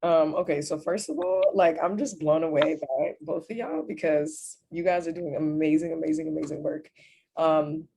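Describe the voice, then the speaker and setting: A woman's voice: deep voice, fairly even intonation, moderate pace, gravelly, mellow, a little hiss or hum. A woman in her twenties, from Uganda and raised in New York, moderating an online panel in a chatty, upbeat way. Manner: chatty, upbeat, many fillers like "like". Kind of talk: casual panel talk over video call. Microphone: video call.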